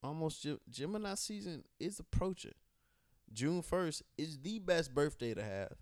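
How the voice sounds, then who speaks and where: Slow, laid-back profane podcast host man. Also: on the high side, animated, dry recording, clean studio sound. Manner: profane, laid-back, drawn-out shout-outs. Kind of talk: casual podcast chat. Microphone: close podcast mic.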